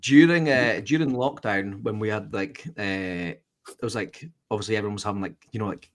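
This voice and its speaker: A man's voice: lowish voice, fairly quick. A man co-hosting a podcast, trading self-mocking jokes in casual chat. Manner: joking, self-mocking banter. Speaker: podcast co-host.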